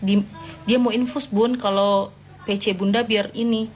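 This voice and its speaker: A woman's voice: medium pitch, steady tone, a little slow, faint music behind. A woman hosting a casual live stream, reading viewer comments aloud and answering them in a playful, motherly way. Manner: gently scolding, motherly tone to followers.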